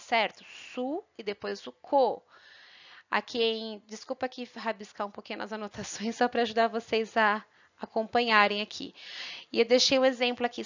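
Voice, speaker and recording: Patient teacher, muffled audio. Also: female voice, a little high, a bit bright. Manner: patient, checks in with "tá?" and "tá bom?"; sounds out syllables slowly and clearly. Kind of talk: recorded online grammar lesson.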